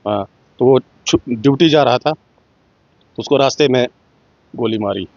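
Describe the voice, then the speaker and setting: A man's voice: medium pitch, unhurried, a little mellow, no echo. Middle-aged guy from jammu & kashmir telling his story in an interview, dry muffled sound. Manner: earnest, retelling dialogue with small voice shifts. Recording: muffled, dull dry recording.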